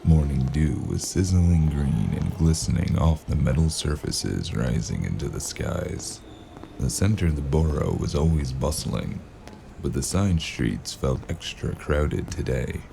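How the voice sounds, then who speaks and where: Man acting hardboiled noir detective, very deep gravelly voice, slow pace, weary, sardonic, dry, audio drama. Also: expressive, background noise, heavily acted. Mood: weary, brooding. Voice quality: gravelly, very low. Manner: dry, world-weary, clipped. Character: weary, sardonic male noir gun-for-hire narrating his day.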